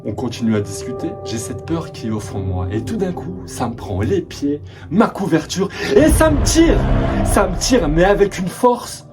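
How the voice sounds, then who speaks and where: A young French man casually telling his own scary story to his viewers, dramatic and animated. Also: on the high side, moderate pace, music in the background. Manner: animated, dramatic retelling with rising excitement.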